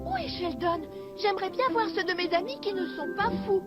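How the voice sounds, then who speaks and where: A woman's voice: very high voice, animated, normal speed. A woman voicing a well-bred, exasperated young girl in a French cartoon dub. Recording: loud music behind.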